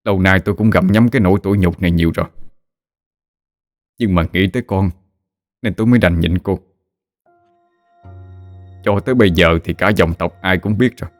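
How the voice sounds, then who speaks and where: A man's voice: sits low, fairly quick, pauses often, no room sound, clean studio sound, natural voice. A man voicing a tired, resigned husband who speaks with reproach in a spoken story. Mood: weary. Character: weary, ashamed husband. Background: faint music.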